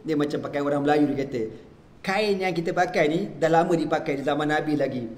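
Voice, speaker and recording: A man's voice: fairly high pitch, fast talker, reverberant. A man with a Malaysian accent, a religious teacher giving a sermon and telling a story, acting out the quoted dialogue. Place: mosque prayer hall.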